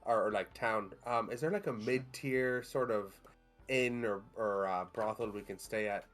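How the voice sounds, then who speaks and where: A man's voice: on the low side, unhurried, a bit bright, soft background music. A man playing a tabletop game, chatting casually and joking with the group. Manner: joking, playful. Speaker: player. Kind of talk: casual chat.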